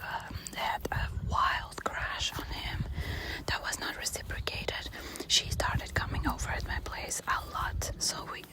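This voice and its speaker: A woman telling a personal ASMR storytime in a hushed, quiet night-time whisper, informal and confiding. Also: measured pace.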